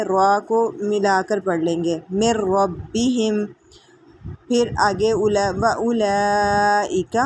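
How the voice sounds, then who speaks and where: Woman teaching slow, careful Quran recitation. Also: medium pitch, a little mellow, slight background noise. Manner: slow drawn-out recitation between quick explanations. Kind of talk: tajweed lesson.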